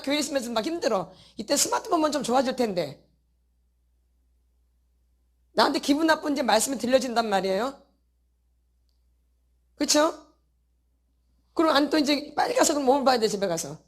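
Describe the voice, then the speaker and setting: Woman, high voice, church teaching talk, rhetorical questions, repeated words for emphasis. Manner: asks the audience many rhetorical questions; acts out inner thoughts in a casual voice.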